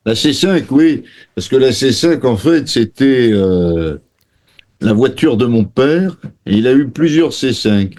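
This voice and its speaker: A man with an Auvergnat accent, a band member answering in a radio interview, earnest and halting with many fillers. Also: medium pitch, sing-song, dark tone.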